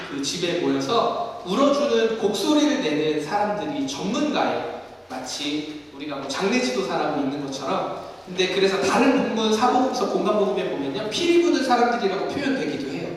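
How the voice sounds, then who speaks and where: Animated male pastor in an echoey hall. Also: sits high, far from the mic. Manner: animated, acts out the scripture scenes in voices. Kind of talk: sermon. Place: basement studio used for church services.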